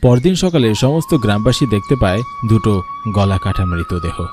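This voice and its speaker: A man narrating a horror cartoon story in a steady, scripted storytelling delivery. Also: lowish voice, normal speed, soft background music.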